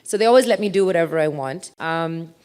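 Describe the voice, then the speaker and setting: Her voice lowish, clear and resonant with a slight mellowness, an Indian woman in her thirties talks a little fast. She is on stage before a live audience, joking at her own expense in a chatty way. Her English accent is a mixture shaped by growing up abroad.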